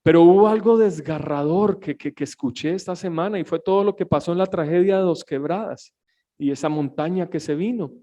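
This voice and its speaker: Impassioned pastor preaching. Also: male voice, fairly high pitch, brisk. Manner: emotional, shifts from hushed to shouted pleas. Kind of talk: sermon. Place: church.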